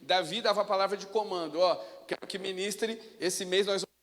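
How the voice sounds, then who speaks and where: Guy preaching, high voice, long church echo, chatty storytelling. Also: a little fast, a little hiss or hum. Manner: storytelling, animated, casual. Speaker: pastor. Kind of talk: sermon. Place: church sanctuary. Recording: long reverb of a church hall.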